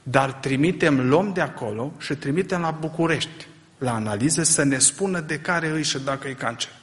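A middle-aged man preaching a sermon, pressing his listeners with rhetorical questions that swell to loud, impassioned peaks. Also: on the high side. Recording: long reverb of a large hall.

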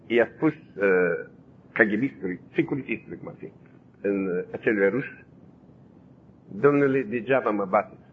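Lively male preacher on a tinny line. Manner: lively, vivid storytelling with laughs. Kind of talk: sermon storytelling. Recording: tinny phone-like broadcast, faint rumble.

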